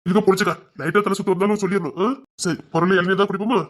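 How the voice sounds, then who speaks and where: An actor playing a caring father who soothes and coaxes his crying daughter in a TV serial, repeating himself gently. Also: sits high, steady tone, rapid-fire, lightly acted. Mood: soothing. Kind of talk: TV serial drama.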